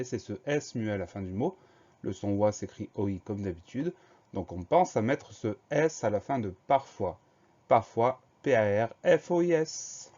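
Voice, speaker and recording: Low mellow man spelling out words. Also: dull audio. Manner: methodical, spells words out letter by letter. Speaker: teacher. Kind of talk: spelling lesson for primary pupils.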